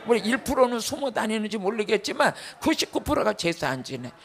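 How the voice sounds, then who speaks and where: Older woman pastor, sermon testimony, gravelly voice, animated storytelling with loud bursts. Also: mid-range voice, brisk.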